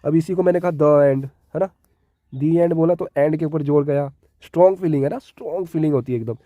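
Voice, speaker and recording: Explaining English grammar one step at a time, a Hindi-accented man keeps checking on his listeners with "ठीक है" and repeats the key words. He's a fast talker with a fairly high pitch, heard over phone-quality audio without any room sound.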